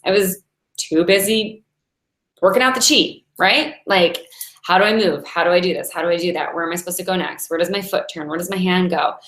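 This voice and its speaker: A woman's voice: mid-range voice, fairly bright tone. A woman in her forties giving a chatty, earnest inspirational talk as a meditation teacher, laughing now and then between thoughts. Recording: echoey room.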